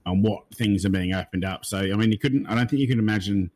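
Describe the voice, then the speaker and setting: An Australian man chatting casually on a panel in a blokey, rough-and-ready tradesman manner. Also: lowish voice, fast, a little mellow. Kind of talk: casual chat.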